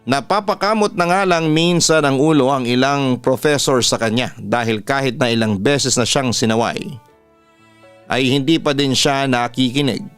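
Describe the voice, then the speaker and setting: This radio host's medium-pitched voice is smooth and a bit bright, with no echo, as he reads a first-person scripted story at a moderate pace. He has a Filipino accent, and background music plays under him.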